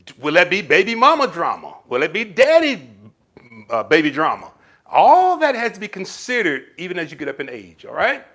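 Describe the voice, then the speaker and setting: A man speaking at normal speed in a high voice reads viewer comments on his casual livestream and gives relationship advice. His delivery is animated, and he addresses viewers with pet names like "baby."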